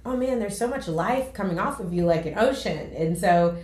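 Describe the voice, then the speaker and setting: A woman chats casually on a podcast, emotional and animated as she tells her stories. Her voice sits in an ordinary middle range and is full of "like" fillers. The sound is roomy and echoey. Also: medium pitch, moderate pace. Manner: emotional, animated storytelling with lots of "like". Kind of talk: casual chat.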